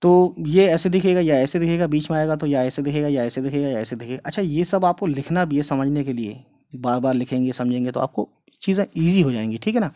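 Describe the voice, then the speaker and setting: A man's voice: fairly high pitch, brisk, mellow. A man teaching an Urdu lesson online, explaining patiently and repeatedly, checking in with viewers and calling them guys. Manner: addresses viewers casually as guys.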